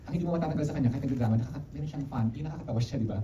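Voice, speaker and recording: A Filipino-accented middle-aged man fields press questions as a director, talking extremely fast and switching between Filipino and English. He sounds distant in a roomy hall, with clear background noise and a dull, lo-fi sound. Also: medium pitch. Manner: rapid, animated, mixing English into Filipino, many restarts. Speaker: film director. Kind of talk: press conference answers. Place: media conference room.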